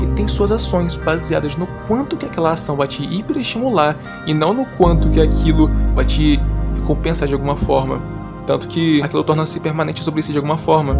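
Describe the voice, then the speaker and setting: Teen man, Rio de Janeiro Portuguese accent, rapid delivery, slightly high voice, clear background music. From Brazil. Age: teens. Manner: earnest, motivational, lecturing. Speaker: YouTuber. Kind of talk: scripted commentary voice-over.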